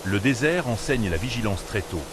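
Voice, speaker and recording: A man's voice: fairly low pitch, expressive, normal speed, background noise. A man delivering scripted wildlife documentary narration in a solemn, dramatic manner. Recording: narration over prominent music. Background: music.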